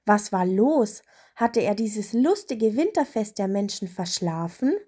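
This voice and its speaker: A woman narrating a children's story in a gentle, unhurried way. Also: mid-range voice, expressive, husky.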